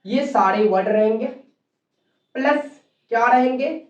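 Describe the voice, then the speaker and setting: Male grammar teacher at a board, slow and deliberate, recorded from across an echoey classroom. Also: very high voice. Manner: spells words out letter by letter, addresses students as children. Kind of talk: classroom lesson on a whiteboard. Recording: distant, roomy and dull-sounding classroom recording.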